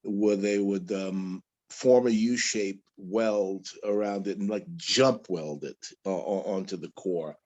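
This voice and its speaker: A man, a guest bladesmith, talking haltingly with restarts in a casual interview over a video call. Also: low-pitched, steady tone, darkish tone, muffled recording. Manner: halting, with many restarts and fillers.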